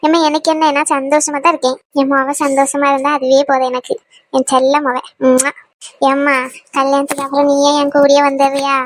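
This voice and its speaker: Brief: woman, bright high voice, tender cartoon family drama. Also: level tone, brisk. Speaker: voice actor for women in a family cartoon.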